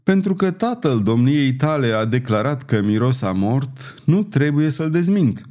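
A man reading an audiobook, voicing an aging, bitter, scheming queen mother in a grave, measured manner. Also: mid-range voice, very animated, warm tone, pitched above the performer's own voice, close to an everyday voice.

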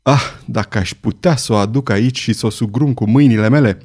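A man's voice: mid-range voice, darkish tone, husky. A man voicing a scheming, vengeful middle-aged queen full of intense hatred in an audiobook reading. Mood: hateful.

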